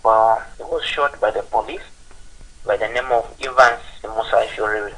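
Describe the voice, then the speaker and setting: A man's voice: lowish voice, a bit bright. Man on a clipped phone line. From Zambia. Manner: halting, with many pauses and restarts. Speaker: caller. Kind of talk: call-in question on live television.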